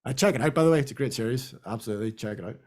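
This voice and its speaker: A man's voice: mid-range voice, racing, a little mellow. A young man from Britain, a podcast co-host talking casually and rambling with many fillers. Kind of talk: casual chat.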